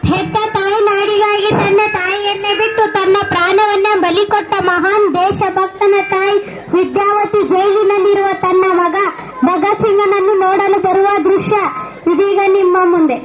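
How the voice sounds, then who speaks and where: A young female narrator who announces the scenes of a school play in a loud, formal way. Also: very high voice, level tone, normal speed, a little hiss or hum. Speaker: stage narrator. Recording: echoey hall with a crowd behind.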